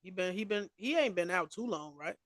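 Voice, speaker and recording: A man's voice: sits high, lively intonation, fairly quick, fairly bright tone, no echo. A man co-hosting a podcast, talking fantasy basketball picks in loose, slangy, trash-talking chat. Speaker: podcast co-host. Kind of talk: casual sports chat.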